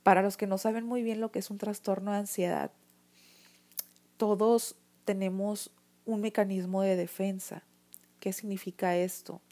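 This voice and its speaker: A woman's voice: mid-range voice, fairly even intonation, normal speed, dark tone. A woman with a Mexican accent telling her own story to camera in an earnest, emotional way, often restarting her sentences. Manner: earnest and emotional, many restarts and "o sea" fillers. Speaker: vlogger sharing her experience. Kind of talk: personal testimony talk to camera.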